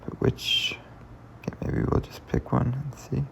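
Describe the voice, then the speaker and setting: An unhurried man with a fairly bright tone hosts a puzzle channel, casually commenting while he solves. He reasons aloud, often muttering and half-whispering, and a little hiss or hum can be heard.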